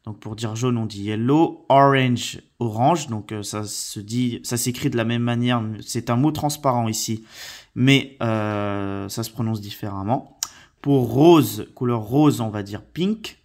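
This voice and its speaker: Hesitant man teaching vocabulary slowly. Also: medium pitch, darkish tone. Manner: hesitant, many fillers, slow careful word repetition. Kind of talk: slide-based vocabulary lesson.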